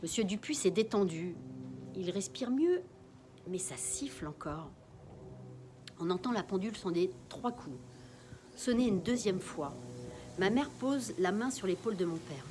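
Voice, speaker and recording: A woman reading a first-person story aloud in an expressive way. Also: unhurried, long pauses, background noise. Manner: expressive reading with lively pitch.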